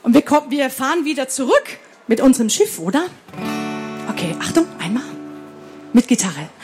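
A woman reading a fairy tale aloud to children in a slow, expressive way, pausing to ask them questions. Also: sits high, soft background music. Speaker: storyteller for children.

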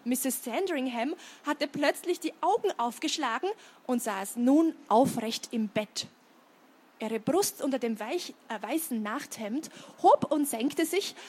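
High-voiced woman reading a children's book. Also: a little slow, husky. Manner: lively storytelling, chatty asides with many fillers. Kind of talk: reading aloud, then explaining to children.

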